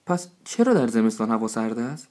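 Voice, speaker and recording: A man's voice: mid-range voice, big pitch swings, a little mellow, close to an everyday voice. A man voicing a foolish, fawning male village elder in a storybook reading.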